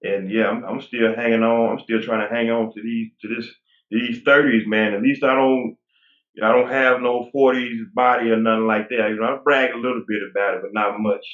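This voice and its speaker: In a relaxed interview, a guest bodybuilder in his forties rambles and keeps restarting, his mid-range voice moving briskly. The audio sounds tinny, like a phone line, with a roomy echo.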